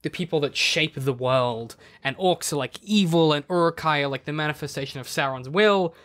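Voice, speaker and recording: A man co-hosting a podcast, chatting casually about a book, rambling with many fillers and jumps in pitch. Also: brisk, fairly bright tone. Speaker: podcast co-host. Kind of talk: casual book club chat.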